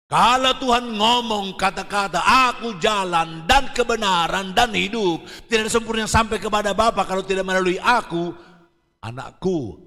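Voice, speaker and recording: A man preaches in a high, bright voice that leaps up and down as he questions the congregation. He drops to near-quiet lines and then bursts into shouts. The sound carries a long church-hall reverb. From Indonesia. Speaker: pastor. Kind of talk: sermon.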